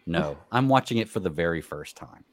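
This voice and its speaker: Podcast host: man, low voice, dry close sound, easygoing banter. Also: animated, fairly quick, dry recording. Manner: chatty, laughing banter with co-hosts. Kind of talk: casual podcast chat.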